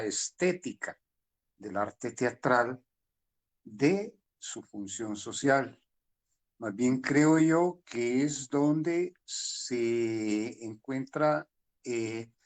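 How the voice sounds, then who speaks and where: Slow-talking older Honduran man. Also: medium pitch. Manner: slow, meandering and reflective. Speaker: playwright and theater director. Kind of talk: speaking on a video conference panel.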